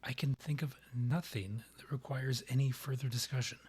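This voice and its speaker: Stiff and defensive, a man voices a proud, guarded vampire king for romantic ASMR roleplay. His breathy, often near-whispered delivery is medium in pitch with a darkish tone and fairly even intonation, and he speaks in a formal, courtly, halting way.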